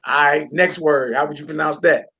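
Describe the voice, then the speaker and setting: A man's voice: a little high, fairly even intonation, moderate pace, pushed and bright, husky, lo-fi sound. A man teaching a Hebrew reading lesson, encouraging his student and repeating words and phrases.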